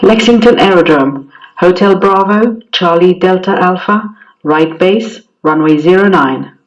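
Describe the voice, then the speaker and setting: A man's voice: high voice, measured pace, distant mic, lo-fi sound. A man voicing a pilot's radio calls in clipped, formulaic phrasing, as if transmitted from a cockpit headset. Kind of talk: demonstrating aviation radio calls.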